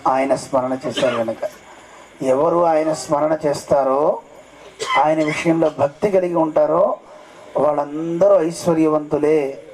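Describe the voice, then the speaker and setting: A man's voice: fairly high pitch, a little slow, long pauses, darkish tone, a little hiss or hum, low-quality recording. A man giving a devotional discourse at a temple festival, telling scripture stories and often asking his listeners questions. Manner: asks the audience questions often. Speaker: religious speaker.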